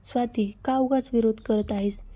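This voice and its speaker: A brazen, pushy man, as a woman reads him in a story, insistent and coaxing. The voice is dark and mellow, with a flat, level melody. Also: a little high, normal speed, lightly acted.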